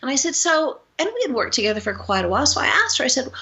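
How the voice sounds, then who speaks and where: A woman psychologist, a guest on an interview show, telling stories in an animated way and acting out the dialogue in them. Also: sits high, racing. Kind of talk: storytelling interview answers.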